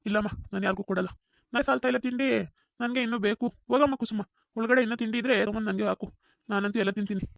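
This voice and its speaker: A man's voice: high voice, fairly even intonation, racing, creaky, dry recording. A man voicing a jolly, greedy father-in-law in a cartoon, gloating and teasing as he eats.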